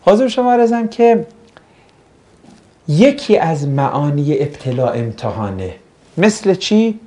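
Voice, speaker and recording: A man's voice: a little high, sing-song, warm tone. A man teaching a classroom lesson, joking and putting questions to his students. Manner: jokey, asks the class questions and banters. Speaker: religious studies teacher.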